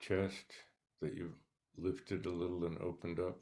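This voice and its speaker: A man leading a guided meditation, speaking softly and calmly with long pauses between short instructions. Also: low-pitched. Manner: slow, calm, soft-spoken instructions with pauses. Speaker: meditation teacher.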